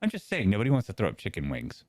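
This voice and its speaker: A man's voice: fairly low pitch, wildly swooping pitch, rapid-fire, darkish tone, no echo. A man with a slight lisp co-hosting a casual chat show, rambling and joking. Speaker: co-host.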